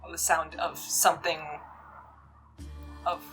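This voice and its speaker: A man's voice: on the high side, completely flat delivery, slow pace. A man improvising narration as the game master of a tabletop role-playing game. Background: soft music.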